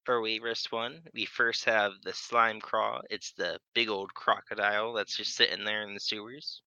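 A man's voice: lowish voice, fairly even intonation, normal speed, vocal fry, bright, forceful tone, clean tone, dry recording, muffled recording. A man co-hosting a gaming podcast, talking in a laid-back, matter-of-fact way. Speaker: podcast co-host. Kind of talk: casual gaming podcast chat.

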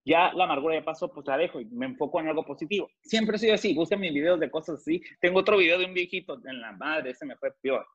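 A man with a Mexican Spanish accent telling an animated, emphatic story as an interview guest over a video call, mixing in English phrases. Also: a little high, quick pace, few pauses, breathy edge. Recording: muffled video-call audio.

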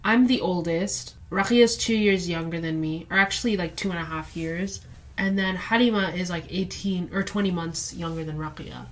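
A woman's voice: on the low side, normal speed, a little hiss or hum. A young woman hosting a podcast in casual chat, a teasing storyteller who laughs often. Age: young adult. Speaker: podcast host.

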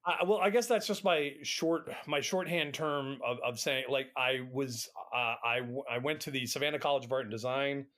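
A middle-aged man from the United States as a podcast guest. His voice is medium in pitch. He talks casually and tells anecdotes with dry self-deprecation. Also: moderate pace, few pauses, a bit bright. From United States, Atlanta area. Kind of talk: casual anecdotal interview chat.

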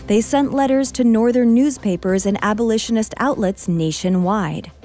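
Mellow woman narrating history. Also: a little high, normal speed. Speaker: podcast co-host. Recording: faint music bed.

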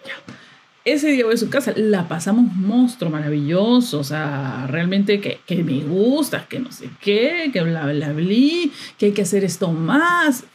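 A woman's voice: mid-range voice, big pitch swings, a little slow, few pauses, slightly rough. A young woman, hosting a podcast as a casual, exasperated monologue with frequent laughter. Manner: chatty, exasperated, laughs often. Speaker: podcast host.

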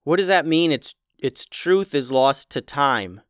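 A man's voice: fairly high pitch, animated, measured pace, no echo, pitched above the performer's own voice. A casual young kid who asks blunt questions, voice raised above the narrator's own. A man acts the kid out. Dry storybook reading. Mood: puzzled.

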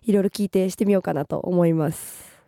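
A young woman from Gifu, hoarse from a cold, with a Nagoya-tinged accent, co-hosting a radio show, reading listener messages and giggling politely. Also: fairly low pitch, steady tone, fast talker, dark tone, no echo, studio quality. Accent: Nagoya-tinged Japanese. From Gifu, Japan. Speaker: radio co-host. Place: radio studio.

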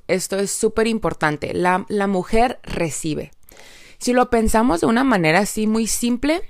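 This podcast host, a woman speaking with a Mexican accent, delivers a chatty, upbeat monologue directly to her audience, leaning often on little tags such as "entonces" and "¿no?". Her voice sits on the low side with a clear, resonant tone. It's a clean studio recording without any room sound.

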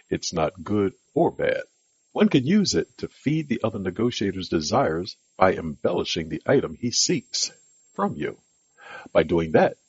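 A man's voice: deep voice, breathy edge, no room sound, highs cut off. A man hosting a podcast, reading a scripted monologue with an emphatic, instructive delivery. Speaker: podcast host.

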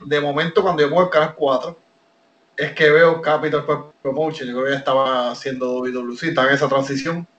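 Animated Puerto Rican man in an echoey room. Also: fairly high pitch, a little fast, highs cut off. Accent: Puerto Rican Spanish. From Puerto Rico. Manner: animated, many fillers and restarts. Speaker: wrestler guest. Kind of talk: casual interview storytelling.

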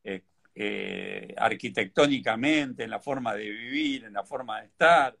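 A man's voice: lowish voice, a little slow, gravelly, fairly bright tone, slightly rough. A man from Argentina with an Argentine Spanish accent, speaking bluntly as a livestream guest. He is opinionated and repeats words for emphasis. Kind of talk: casual chat.

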